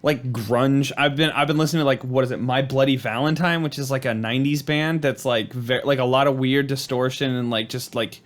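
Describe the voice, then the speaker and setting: Male podcast co-host, live sound engineer; animated, playful delivery. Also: medium pitch, fairly quick, hardly any pauses. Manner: animated, jokey, many "like" fillers. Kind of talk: casual chat.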